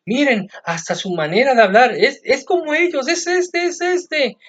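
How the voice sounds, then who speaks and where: A man's voice: very high voice, moderate pace, fairly bright tone, dull audio, voice pushed up. A man voicing an accusing woman bystander, insistent as she points someone out.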